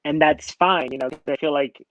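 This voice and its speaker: A man's voice: a little high, steady tone, brisk, fairly bright tone, no room sound. A man co-hosting a casual reality-TV review, rambling with many restarts and fillers. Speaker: podcast co-host.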